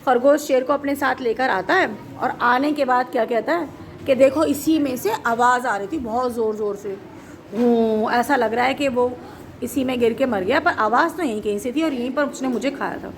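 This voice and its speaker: A woman telling a story to children indoors, lively and often asking them questions. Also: high voice, moderate pace, a little hiss or hum.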